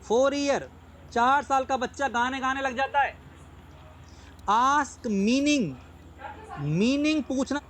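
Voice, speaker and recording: Delivering an online lesson, a man drills points repeatedly, keeps checking his students follow, and mixes in English terms. His extremely high, fairly bright voice moves at a moderate pace, over a rough recording with slight background noise.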